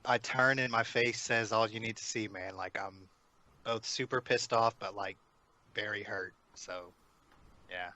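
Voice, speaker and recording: A man's voice: lowish voice, steady tone, unhurried, pushed and bright. A man playing a tabletop game, talking in a casual, laid-back way. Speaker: player. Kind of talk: tabletop role-play chat.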